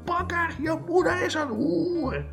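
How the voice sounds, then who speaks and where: A man voicing a cranky old cowboy hermit who shouts insults, in a rhyming storybook tale. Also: extremely high pitch, lively intonation, slow pace, creaky, soft background music, pitched above the performer's own voice, heavily acted. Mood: angry.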